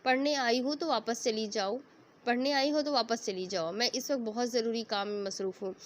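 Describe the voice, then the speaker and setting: Woman reading a snappy, annoyed young man, brisk scolding. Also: fairly high pitch, fairly even intonation, close to an everyday voice. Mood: irritated. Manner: curt, scolding. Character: irritable young man brushing off a pest.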